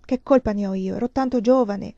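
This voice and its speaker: A woman's voice: mid-range voice, brisk, mellow, no echo, highs cut off, close to an everyday voice. A woman voicing a frightened, pleading young woman. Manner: pleading, broken.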